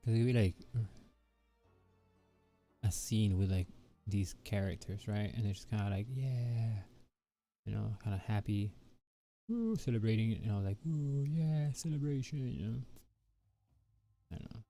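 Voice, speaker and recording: A man's voice: lowish voice, normal speed, long pauses. A man casually chatting with viewers while drawing on a live stream, rambling with lots of fillers. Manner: relaxed, rambling, many fillers like "you know" and "like". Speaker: livestreaming artist. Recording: soft background music.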